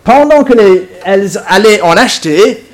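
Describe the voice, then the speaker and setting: A man, acting out a Bible story with volunteers and props, lively and lightly humorous. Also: high voice, moderate pace. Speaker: preacher.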